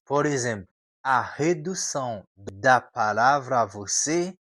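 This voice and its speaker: Haitian-accented male language tutor, unhurried and careful, dry close sound, drills phrases again and again. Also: mid-range voice, a bit bright, no room sound. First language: Haitian Creole. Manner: repeats example phrases slowly, mixing in French words. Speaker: language teacher. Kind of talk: informal language lesson.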